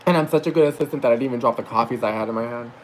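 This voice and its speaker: A young man talks to camera in a loose, meandering vlog monologue, hopping between asides and filler words. His voice sits at an everyday middle pitch, and faint background noise is audible. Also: rapid-fire, low-quality recording. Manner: rambling, chatty, full of fillers and asides. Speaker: aspiring actor and rideshare driver vlogging.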